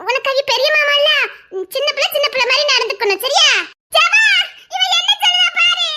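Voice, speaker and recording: A young woman, voicing a cheeky village woman in loud, laughing, bickering audio-drama banter. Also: very high voice, fast, very noisy. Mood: playful.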